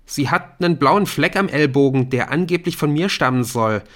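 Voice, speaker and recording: A man's voice: fairly high pitch, normal speed, fairly bright tone, pitched above the performer's own voice, lightly acted. A defensive teenage boy in an audiobook, speaking in a raised, strained voice, as a man puts him on. He sounds insistent and increasingly desperate. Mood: desperate denial. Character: pale, desperate teenage boy denying accusation. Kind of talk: audiobook character voice.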